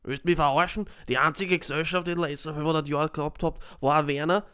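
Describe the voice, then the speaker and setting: A man's voice: fairly high pitch, fast talker, clean tone. A man with an Austrian accent voicing a bored, eccentric old alien martial arts master in a parody fan dub. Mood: grumpy. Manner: boastful, grumpy, deadpan.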